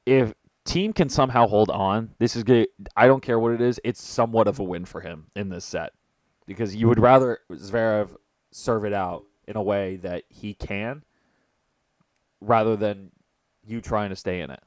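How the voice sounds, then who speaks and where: Young male streamer, low dry voice, casual excitable play-by-play from home. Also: normal speed, no room sound. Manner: chatty, excitable, jokes with people off mic. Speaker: tennis commentator and host. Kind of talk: casual live-stream commentary.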